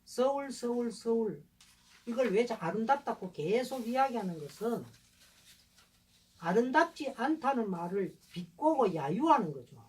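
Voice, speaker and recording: A woman giving a classroom lecture, animated, posing rhetorical questions to her listeners. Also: fairly high pitch, moderate pace, husky. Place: lecture room. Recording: distant mic with faint room noise.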